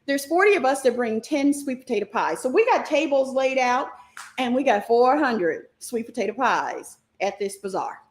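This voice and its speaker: A middle-aged woman hosts a live online stock class, speaking fast and animatedly as she reacts to viewer comments. Her voice sits high.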